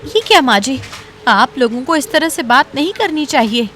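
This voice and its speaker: A young cartoon daughter-in-law, earnest and firm, who will not let her family be insulted. Her voice sits high and bright. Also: expressive, moderate pace, slight background noise. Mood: defiant. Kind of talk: cartoon voice acting.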